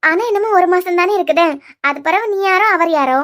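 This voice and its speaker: A woman's voice: very high voice, fairly bright tone. A woman voicing Diya, a caring, frank young woman in a cartoon series, talking earnestly with a Kanyakumari Tamil accent. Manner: earnest, coaxing, quick-talking. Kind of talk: cartoon web series voice acting.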